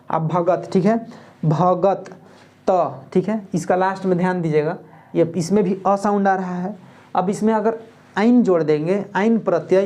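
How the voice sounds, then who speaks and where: A woman with a Jharkhand Hindi accent gives an exam-prep grammar lesson. Her voice sits a little low and sounds mellow and relaxed. She explains step by step and keeps checking that her students follow. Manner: explanatory, repeats "ठीक है" often, reads Nagpuri lines aloud. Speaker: teacher.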